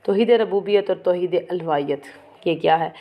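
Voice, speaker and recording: Earnest woman lecturer, low gravelly voice. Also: normal speed, highs cut off. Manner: earnest, exhorting, rhetorical questions. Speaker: Quran lecturer. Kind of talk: religious lecture summary.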